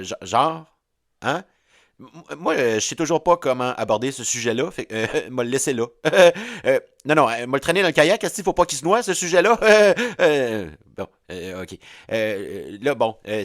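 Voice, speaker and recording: A man with a Québécois French accent talks straight to the listener in a halting, stammering comic ramble, breaking into frequent laughter at his own jokes. His pitch sits in an ordinary middle range for a man. The recording is dry, with no room sound around him. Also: a bit bright, dry recording. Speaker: host of a comedic audio series. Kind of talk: rambling comedic monologue.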